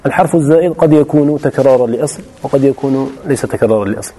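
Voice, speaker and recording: Husky man teaching a lesson. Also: mid-range voice, very fast, mellow. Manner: explains step by step, repeats key phrases, sometimes restarts words. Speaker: teacher of Arabic morphology. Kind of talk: classroom lesson.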